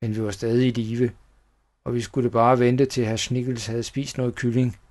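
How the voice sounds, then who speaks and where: A man narrating a children's horror tale, reading at a steady, even storytelling pace. His delivery is plain, with no showy effects. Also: medium pitch.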